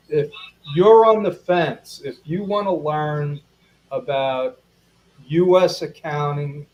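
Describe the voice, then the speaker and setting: A man's voice: a little high, a little mellow, low-quality recording. A man hosting a casual live interview, chatty, repeating himself and talking to viewers as folks. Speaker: interview host.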